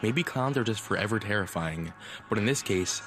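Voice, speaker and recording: A man giving scripted list-video narration in a measured, informative way. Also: fairly low pitch, expressive, over music.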